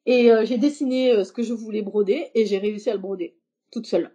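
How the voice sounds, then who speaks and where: Invitée de podcast, une femme, timbre chaud et feutré, parole hésitante avec nombreux « euh ». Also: female voice, mid-range voice, steady tone, fast, mellow, highs cut off. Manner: hesitant, many fillers and restarts. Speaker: podcast guest, embroiderer. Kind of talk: casual interview talk.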